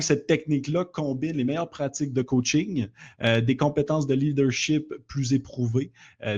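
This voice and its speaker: A man who is a company president hosts a webinar interview over a video call, using many fillers and restarts. His voice is medium-pitched, darkish and husky. The audio is slightly dull and lo-fi.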